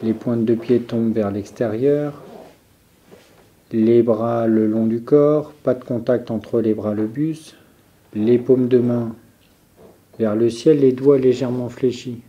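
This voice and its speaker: With pauses between calm, steady cues, a teacher guides listeners through yoga nidra relaxation. His voice is mid-range, and the audio has its highs cut off.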